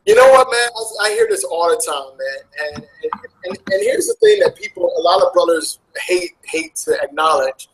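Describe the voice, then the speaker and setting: Animated American man in a roomy space. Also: moderate pace. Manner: animated, with big jumps in pitch. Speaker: interview guest, travel vlogger. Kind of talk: casual interview talk. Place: Asia.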